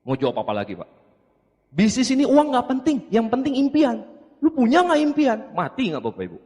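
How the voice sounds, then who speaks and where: A man's voice: very high voice, brisk, slightly rough. A man giving a motivational seminar talk, telling his story and acting out the dialogue while addressing the audience. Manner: animated, acts out dialogue, keeps addressing the audience. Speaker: seminar speaker. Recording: reverberant hall.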